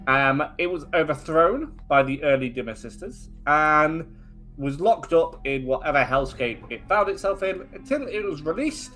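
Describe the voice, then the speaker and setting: Man, game master, animated storytelling, swooping lively pitch, slightly high voice. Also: moderate pace, faint music behind. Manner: animated, storytelling, chatty asides to players. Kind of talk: narrating a tabletop game.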